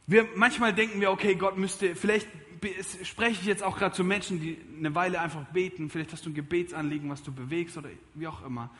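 A man preaching a sermon in church, emphatic and lively, moving between loud calls and quiet appeals. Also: sits high, fast talker, few pauses, in a large hall. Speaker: pastor. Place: church service.

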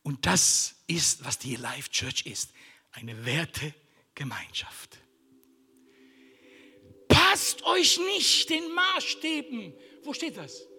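A man preaching a sermon as pastor of his church, emphatic, swinging from shouted lines down to hushed whispers. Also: on the high side, expressive, extremely slow, pauses often, husky. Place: church service. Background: music.

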